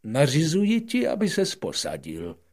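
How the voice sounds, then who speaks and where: A man playing a vain, pompous old king in an audiobook, barking loud commands in a raised voice. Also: medium pitch, very animated, pitched above the performer's own voice. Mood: commanding. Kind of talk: audiobook character voice.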